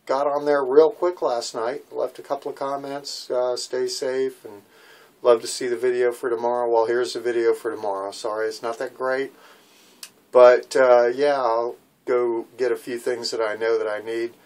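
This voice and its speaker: A man in his sixties, sitting in a small boat cabin, rambles casually for his vlog with many fillers, recording on a phone held at arm's length. His mid-range voice is a little mellow, with flat delivery and a moderate pace.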